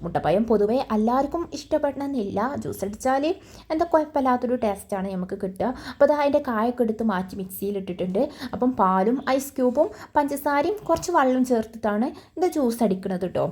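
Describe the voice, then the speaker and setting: A woman's voice: fairly high pitch, expressive, fast talker, dark tone. A woman vlogger giving a casual voice-over that explains each chore step by step.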